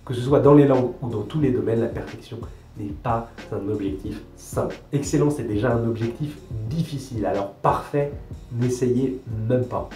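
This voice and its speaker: A young man from France explains pronunciation to his viewers in a didactic, emphatic way, hammering points home by repeating them. His voice is mellow and relaxed. It is recorded in a roomy, echoey space with soft guitar music underneath. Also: mid-range voice, moderate pace. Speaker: language coach. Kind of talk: talking-head language advice video.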